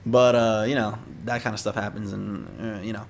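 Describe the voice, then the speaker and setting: A young adult man, a vlogger, gives interview tips to camera in a casual, rambling, slangy way. His voice is low and gravelly with fairly even intonation and a moderate pace, and there's slight background noise.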